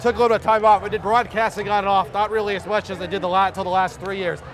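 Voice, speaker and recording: A man in his thirties doing play-by-play for a high school basketball game, excited and short of breath, shouting at the big plays. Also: quick pace. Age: 30s. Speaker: play-by-play announcer. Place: school gymnasium. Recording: crowd noise in a gym. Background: loud cheering crowd.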